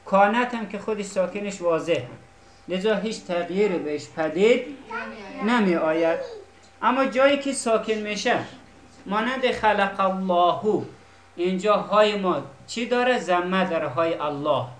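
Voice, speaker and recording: An Arabic teacher, a woman with a mid-range voice, leads a classroom lesson, explaining patiently and regularly checking whether her students follow. The classroom is echoey, and there's a little hiss or hum.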